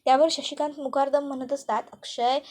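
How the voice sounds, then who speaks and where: A woman retells a serial episode in a steady, recounting narration. Her voice is high-pitched and even. She moves the story along line by line. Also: moderate pace.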